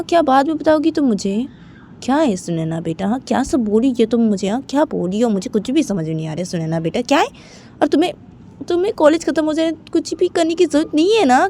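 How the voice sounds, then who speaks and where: A woman's voice: high-pitched, mellow, pitched above the performer's own voice. A woman voicing a wealthy, doting middle-aged father who keeps asking "what is it?" in an amateur spoken story. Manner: repeats "kya hai" and "haan" after every phrase.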